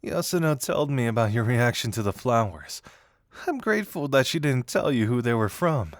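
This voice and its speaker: Playing a flirty detective who confesses to being a secret admirer, a man delivers a romantic audio roleplay in a lively, swooping manner, teasing but sincere and shyly hesitant. His medium-pitched voice stays close to everyday speech at a moderate pace, recorded close and dry with no room sound.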